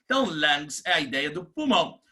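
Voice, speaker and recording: Brazilian man teaching English online, lively up-and-down delivery, fairly high voice. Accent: Brazilian Portuguese. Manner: slow, lively teaching delivery, stretches English words and repeats "né?". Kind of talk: recorded online class.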